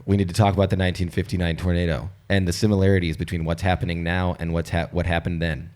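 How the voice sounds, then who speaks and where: A man's voice: low-pitched, little pitch movement, fast talker, a little mellow. A man co-hosting a live podcast taping, making blunt, teasing wisecracks in casual banter. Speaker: podcast co-host.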